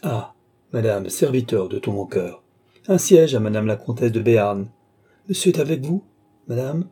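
A man voicing a fussy, agitated male lawyer who is effusive and excitable. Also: mid-range voice, moderate pace, husky.

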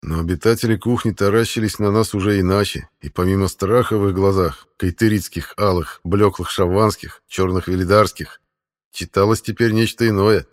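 A man reading an audiobook in a measured, even narration. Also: low voice. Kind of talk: scripted narration.

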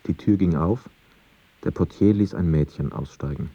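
An actor narrating in first person as a young man back from war captivity, in a calm, reflective radio drama telling. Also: low-pitched, normal speed, creaky, husky, no room sound, exaggerated voice. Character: male narrator Gabriel, a returned soldier. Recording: slightly dull radio studio recording.

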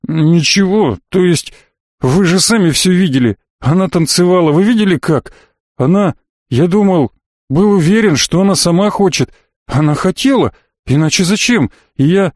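A jittery, whining young man, played by a male reader, his voice pushed up high and trembling as he makes excuses. The tone is fretful and defensive, and the recording is close and dry. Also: animated, moderate pace, a little mellow, no echo.

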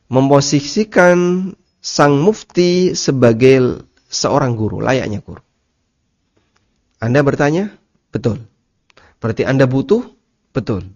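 Man teaching, lo-fi recording. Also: medium pitch. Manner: explains slowly, repeats key terms, asks listeners rhetorical questions. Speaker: Islamic teacher. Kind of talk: religious study lecture. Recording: dull lo-fi lecture recording.

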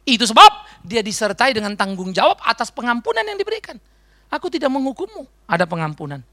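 A man preaching a sermon as pastor with an Indonesian accent, lively and acting out the voices he quotes. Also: high-pitched, quick pace, no echo.

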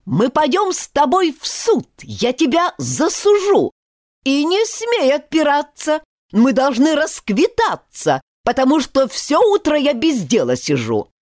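A woman voicing a bossy, menacing cat who plays judge in a storybook verse, drawn out slowly. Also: sits high, wildly swooping pitch, a little mellow, no echo, studio quality, voice pushed up, heavily acted. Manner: slow, drawn-out threatening verse.

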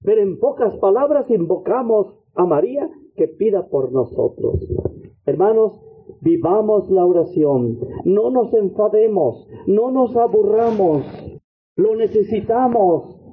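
A high-pitched man delivers a fervent sermon, his voice rising and sinking as he leads repeated prayers. The sound is thin and tinny, like a phone line. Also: lively intonation, a little slow, husky. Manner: fervent preaching, repeated invocations, swings between low and high pitch. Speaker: missionary preacher.

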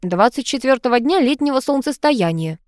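A woman voicing a kindly middle-aged man who speaks softly and hesitantly. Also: fairly high pitch, very animated, normal speed, no echo, studio quality, voice pushed up. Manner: soft, hesitant.

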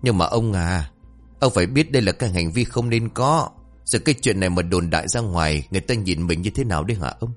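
Nagging middle-aged wife, sharp tongue; male storyteller doing the voice. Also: low-pitched, animated, fast talker, faint music behind. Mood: scolding. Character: irritable middle-aged woman, scolding wife.

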